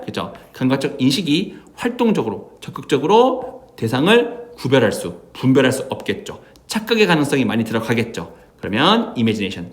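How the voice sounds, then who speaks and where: A man teaching English vocabulary in an exam prep lecture, checking in with his students again and again as he explains. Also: medium pitch. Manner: lively, asks students constant check-in questions.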